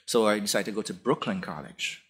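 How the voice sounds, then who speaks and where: A Jamaican man in his forties, a guest professor, tells his story in a relaxed, rambling way that often restarts. His voice is slightly low and husky, with a breathy edge. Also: brisk. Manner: relaxed, anecdotal, frequent restarts. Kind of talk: conversational interview storytelling.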